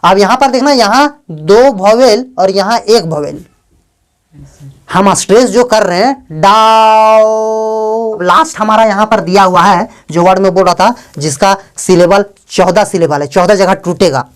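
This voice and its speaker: A male English teacher giving a classroom lesson, often questioning his students, spelling letters out slowly and joking with them in a fatherly way. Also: sits high. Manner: calls students "beta" in a fatherly way.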